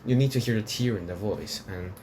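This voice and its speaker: Fairly quick and a little mellow, this fairly low male voice belongs to a man from Hong Kong giving rambling, casual reviews of opera recordings. He restarts often, fills gaps, and laughs between points, with slight background noise behind him.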